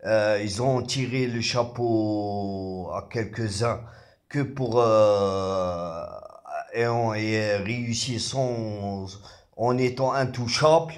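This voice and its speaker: A man who raps, delivering an agitated, confrontational rant straight at the camera, halting and repeating words, then pushing his voice up sharply when heated. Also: fairly low pitch. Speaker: rapper. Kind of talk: ranting monologue to camera.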